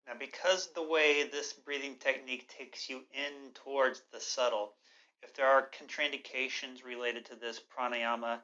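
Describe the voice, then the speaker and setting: A man giving an instructional yoga breathing lesson in a measured, explanatory, gently instructive way. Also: mid-range voice, steady tone, dull audio.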